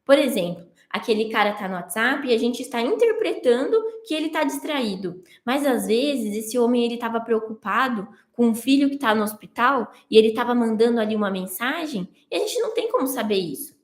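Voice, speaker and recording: A woman's voice: fairly high pitch, lively intonation, a little fast, hardly any pauses. Echoey woman coaching step by step. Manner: explains step by step with everyday examples; addresses listeners directly, asks and answers own questions. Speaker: marriage coach. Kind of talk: live-streamed coaching lesson.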